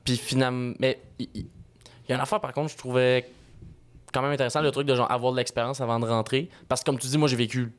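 A man's voice: medium pitch, flat delivery, quick pace. A young man with a Quebec French accent hosting a casual podcast chat, talking in colloquial, sweary slang. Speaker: podcast host.

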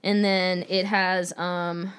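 A woman's voice: lowish voice, little pitch movement, slow pace, a bit bright, clean tone. A woman co-hosting a podcast in casual chat, bubbly and emphatic. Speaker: podcast co-host.

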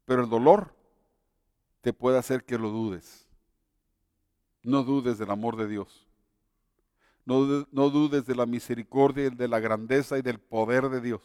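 A man's voice: mid-range voice, steady tone, a little slow, pauses often, darkish tone, clear, resonant tone, dry recording, studio quality, in a large hall. A man preaching a sermon and telling his own testimony, earnest and exhorting.

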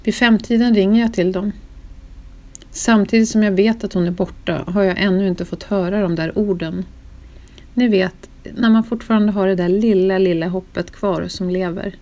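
A woman slowly reading a first-person memoir in a solemn, grief-laden narration. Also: medium pitch, steady tone, a little mellow.

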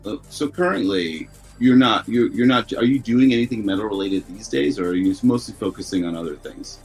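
A man's voice: fairly low pitch, brisk, a little mellow, faint music behind, poor audio. A man co-hosting a casual talk show, asking easygoing questions with some hesitation. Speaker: co-host. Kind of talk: casual chat.

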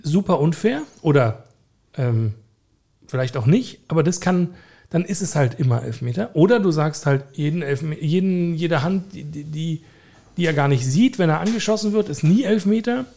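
A man's voice: a little high, lively intonation, moderate pace, vocal fry, mellow. A man co-hosting a casual football podcast, rambling with many fillers and dry humor. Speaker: podcast co-host.

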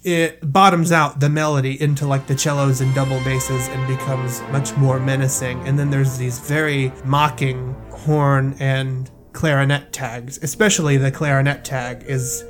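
Man, podcast co-host, casual explainer, middle pitch, relaxed chat. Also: moderate pace, hardly any pauses, music in the background. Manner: explanatory, casual swearing, filler-heavy. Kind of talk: casual film-music discussion.

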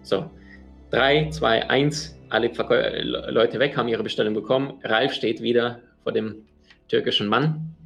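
Gravelly-voiced man telling a lively story. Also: mid-range voice, normal speed, soft background music. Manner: lively storyteller who acts out the people he quotes. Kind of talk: anecdotal storytelling.

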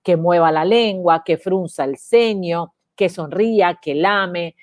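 A woman's voice: lowish voice, takes it slowly, no echo, studio quality. A woman, teaching parents in an informal way, explaining with many examples and rhetorical questions. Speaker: educator on child speech disorders.

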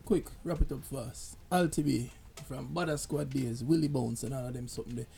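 A man's voice: mid-range voice, steady tone, a little fast, gravelly, warm tone. A man, a guest artist chatting casually in slangy speech with frequent tag phrases. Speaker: music artist and producer, interview guest. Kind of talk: casual interview chat.

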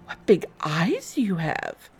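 A woman voicing an innocent, cheerful little girl with a high, eager voice. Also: big pitch swings, slow, darkish tone, heavily acted. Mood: uneasy.

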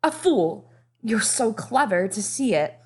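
A woman's voice: medium pitch, big pitch swings, takes it slowly, slight background noise, voice pushed up. A woman voicing a frightened young noblewoman who pleads desperately. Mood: flattering. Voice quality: pleading, breathless.

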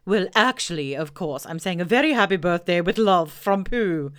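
A woman voicing a self-important old male owl who talks loudly and fussily. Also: lowish voice, expressive, moderate pace, smooth. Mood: pompous. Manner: loud, fussy and self-important.

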